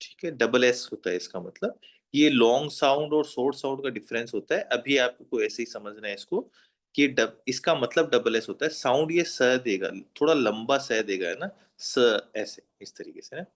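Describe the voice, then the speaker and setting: A man's voice: mid-range voice, lively intonation, normal speed. A man teaching a German lesson at a whiteboard, patiently repeating each sound and checking that students have written it down. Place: classroom with whiteboard.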